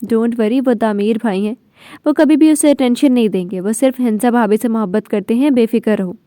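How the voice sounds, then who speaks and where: Woman reading a calm easygoing young man, relaxed delivery, storybook reading, mellow voice. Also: a little high, normal speed, no echo, clean studio sound, natural voice.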